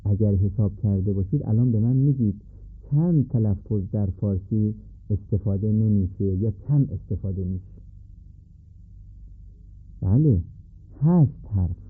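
A man gives a measured lesson and often puts questions to his students. His voice is husky and a little breathy. The sound is narrow and tinny, like a phone line. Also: on the low side. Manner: measured, asks questions to the listener. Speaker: teacher. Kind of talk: recorded lesson on letter pronunciation. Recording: phone-like narrow band recording.

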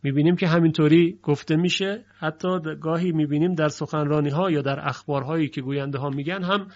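A man gives a recitation lesson in a fairly high voice, breaking each rule into small steps and drawing out the example words. The recording is dull and lo-fi. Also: fairly even intonation, darkish tone. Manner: explains step by step, recites example phrases slowly. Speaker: Quran recitation teacher. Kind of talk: lecture on recitation variants.

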